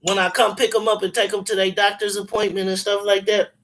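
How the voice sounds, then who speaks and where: A man's voice: high voice, level tone, fairly quick, a bit bright, rough recording. A man in his forties telling stories over the phone in a rambling, emphatic way, with slangy, profane talk and many restarts. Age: 40s. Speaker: caller on a phone conversation. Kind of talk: casual chat, storytelling.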